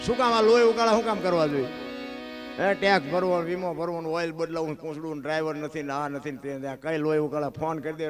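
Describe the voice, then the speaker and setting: A man with a Saurashtra Gujarati accent giving a devotional folk storytelling talk at a temple event, full of rhetorical questions and folksy asides. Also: sits high.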